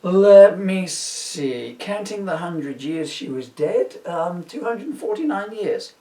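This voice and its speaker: Grumbling henpecked Christmas ghost, played by a man, swooping pitch. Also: very animated, slow pace, mellow, exaggerated voice. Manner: rambling, sardonic complaining with mock-archaic words. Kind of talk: comic audiobook reading. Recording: roomy, echoey, distant microphone.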